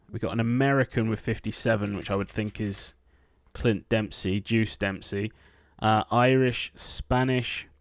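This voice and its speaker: A man with a fairly low, smooth voice streams himself playing an online quiz, thinking aloud and muttering his guesses half to himself with plenty of ums. The studio recording is clean with no room sound, and keyboard typing can be heard in the background.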